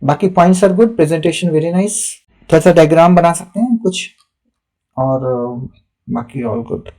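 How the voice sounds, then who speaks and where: A man's voice: on the high side, expressive, takes it slowly, darkish tone. Man patiently reviewing student answers. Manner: patient, instructive, reads student copies aloud. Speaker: teacher evaluating answer sheets. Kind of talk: live answer-writing feedback class.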